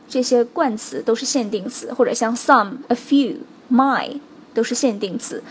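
A woman teaching a spoken English lesson, explaining stress rules clearly and stopping to check in with her students. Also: fairly high pitch, slight background noise. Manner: explains slowly and clearly, stressing example words, checks in with "OK?" and "right?".

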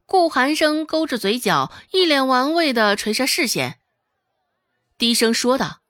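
A woman narrating a serialized novel in an expressive storytelling manner. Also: high voice, unhurried, no echo, studio quality. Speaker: audiobook narrator.

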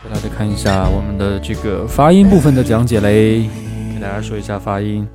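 A man teaching English pronunciation, who slows down to drill phrases again and again. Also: lowish voice, over music. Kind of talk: spoken language lesson.

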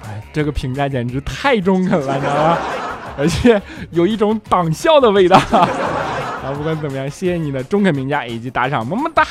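A man's voice: fairly high pitch, animated, a little fast. A man hosting a casual show, reading listener comments and answering with teasing jokes and frequent laughter. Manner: jokey, laughs often, teasing replies. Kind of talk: casual chat. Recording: music playing behind.

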